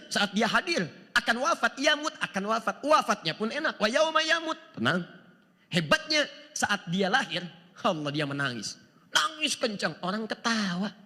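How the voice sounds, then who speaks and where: Male preacher, high and very lively, bright voice, sermon in a reverberant large hall. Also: unhurried. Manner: animated, asks the audience rhetorical questions, chuckles; quotes scripture in Arabic. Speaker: Islamic preacher. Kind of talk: sermon to a live audience.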